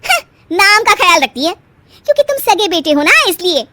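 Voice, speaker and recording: एक महिला द्वारा निभाई तीखी, ऊँची आवाज़ वाली झगड़ालू बहू. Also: female voice, animated, fairly quick, dry recording. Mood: tearful demanding. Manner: shrill, loud, tearful complaining. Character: spoiled, quarrelsome young wife, loud and whiny. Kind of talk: storybook voice acting.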